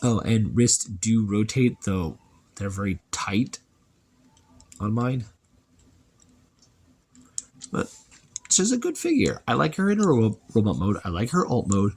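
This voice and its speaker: Low-voiced man chatting through a toy review. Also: unhurried, long pauses, breathy edge. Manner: relaxed, chatty, thinking aloud while handling a figure.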